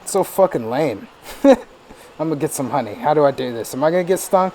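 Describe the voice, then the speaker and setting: A man's voice: fairly high pitch, lively intonation, fast, darkish tone, a little hiss or hum. A man ranting profanely in casual let's-play commentary as a gaming streamer. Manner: profane, ranting, laughing asides.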